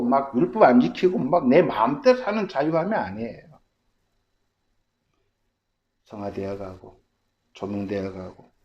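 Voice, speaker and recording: A man's voice: on the low side, a little mellow, muffled recording. A male pastor giving an emphatic sermon full of repeated rhetorical questions.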